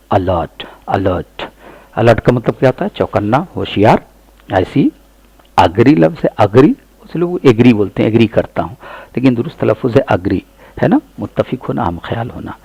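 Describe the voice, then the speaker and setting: A man with an Urdu accent giving a pronunciation lesson, saying each model word slowly and repeating it. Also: mid-range voice, gravelly, a little mellow, breathy edge, no room sound, rough recording. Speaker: English teacher.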